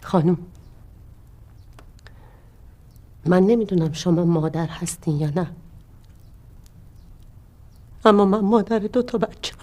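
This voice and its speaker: A woman's voice: fairly low pitch, darkish tone, natural voice. An actress playing a middle-aged widow and mother of two who pleads and accuses. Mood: grim pleading. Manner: pleading, then bitter and accusing. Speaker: widow confronting her husband's associates. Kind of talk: TV drama acting.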